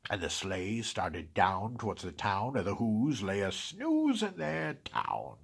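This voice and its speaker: A grumpy, scheming Grinch who hates the holidays, told as a dramatic storybook reading. The voice sits low, gravelly and rough, dropping to hissed whispers and swinging up into loud sneering outbursts. He drags the words out slowly, savoring every bit of spite. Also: full character voice. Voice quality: gravelly, raspy. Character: grumpy scheming green male holiday-hater.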